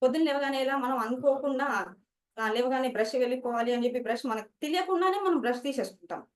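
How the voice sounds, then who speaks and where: A woman's voice: sits high, quick pace, recorded from a distance. Woman teacher giving study tips. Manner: explanatory, mixes English words into Telugu. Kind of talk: study-skills talk to students.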